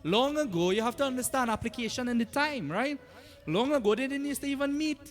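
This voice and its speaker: High-pitched Trinidadian man preaching. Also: a little fast, faint music behind. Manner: animated storytelling with rhetorical questions and "eh?" tags. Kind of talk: conversational sermon to devotees.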